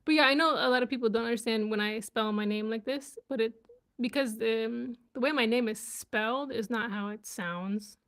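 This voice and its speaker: A woman's voice: on the high side, normal speed, fairly bright tone. A young woman chatting casually on a live stream, giggling and sounding out words as she learns them. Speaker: vlogger and language learner.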